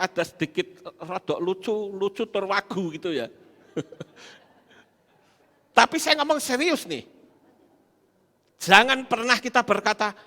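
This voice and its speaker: Casting note: high, bright male preacher, animated, addressing the congregation, long hall reverb. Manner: animated, laughs often, addresses congregation directly. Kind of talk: sermon with stories and audience questions.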